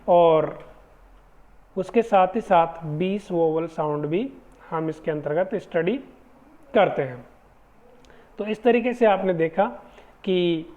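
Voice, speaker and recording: A teacher giving a phonetics lesson, explaining step by step and repeating each example word slowly. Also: medium pitch. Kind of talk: exam-prep phonetics lesson. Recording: tinny phone-like audio.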